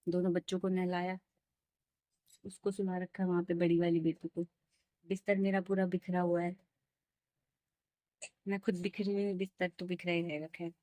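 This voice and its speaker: A woman talking about her day as a mother in a casual home vlog, speaking quietly and rushing through it so her baby stays asleep. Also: on the low side, dry recording, low-quality recording. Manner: quick, tired chatter, soft to keep baby asleep. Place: small bedroom at home.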